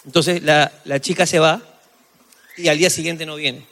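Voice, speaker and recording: A man co-hosting a comedy podcast, telling stories in an animated way and acting out other people's voices. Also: a little high, normal speed, in a large hall. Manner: animated storytelling, acts out voices, laughs often. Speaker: podcast co-host. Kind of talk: comedic casual chat.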